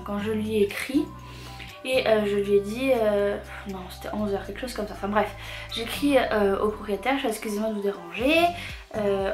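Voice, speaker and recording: A young adult woman tells a casual story in a halting, rambling way, her speech slightly impeded by a swollen tongue. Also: mid-range voice. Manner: halting, rambling, with repeated self-corrections. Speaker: vlogger telling a personal story. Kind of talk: casual storytelling chat to camera. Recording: echoey room, music behind.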